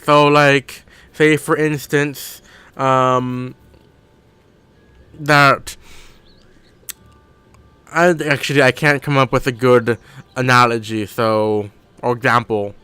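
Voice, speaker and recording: A man's voice: mid-range voice, fairly even intonation, takes it slowly, long pauses, pushed and bright, smooth, no echo. A man streaming a video game, thinking aloud in a rambling way and often correcting himself mid-sentence. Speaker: gaming streamer. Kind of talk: casual live-stream commentary while gaming.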